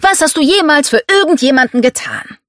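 A domineering, scornful rich father, read by a woman, in a storybook reading. He commands rather than asks, with a lively, swooping pitch. The sound is dry and close. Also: brisk, no echo. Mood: commanding, scornful. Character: domineering rich American father, blunt and harsh.

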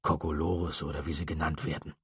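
A man's voice: rumbling low, level tone, fairly quick, a bit bright, breathy edge, dry recording, clean studio sound, full character voice. A man voicing a nervous teenage boy who hesitates and stumbles over his words. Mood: uneasy.

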